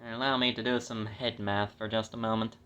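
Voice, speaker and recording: A man's voice: lowish voice, flat delivery, fairly quick, fairly bright tone, clean tone. A man reading scripture aloud and breaking off for chatty, self-mocking asides, correcting his own stumbles. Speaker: Bible reader.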